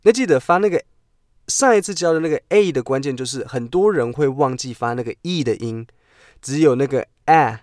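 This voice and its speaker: A man teaching English pronunciation on a podcast, playful and repeating words slowly for drilling. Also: mid-range voice, expressive, a little mellow, no room sound, clean studio sound. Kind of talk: podcast lesson. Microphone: podcast mic.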